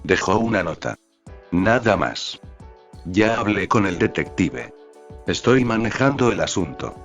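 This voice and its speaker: A man voicing a tired, curt adult man who speaks in short, flat sentences. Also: fairly low pitch, measured pace, heavily acted. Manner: terse, flat. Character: weary, curt adult man, terse guardian. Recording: slightly dull audio with faint background music.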